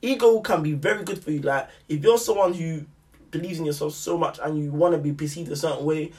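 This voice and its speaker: A man's voice: fairly high pitch, fairly quick, darkish tone, distant mic. A young man with a London roadman accent, musing in slangy casual chat and repeating his phrases. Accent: London, urban roadman slang. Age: young adult.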